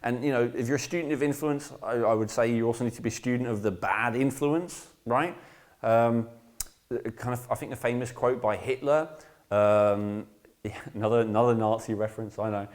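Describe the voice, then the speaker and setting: A man's voice: mid-range voice, moderate pace, a little mellow. A man teaching an online course in a casual, rambling lecture, emphatic and blunt, often checking in with "right?". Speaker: course instructor.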